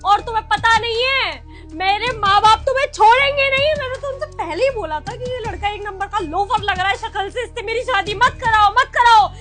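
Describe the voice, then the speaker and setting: High bright voice of a woman playing an angry wife. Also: a little fast. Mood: furious. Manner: accusing, loud and emotional. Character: young wife, hurt and furious at husband. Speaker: wife in a family skit. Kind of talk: Hindi family skit acting.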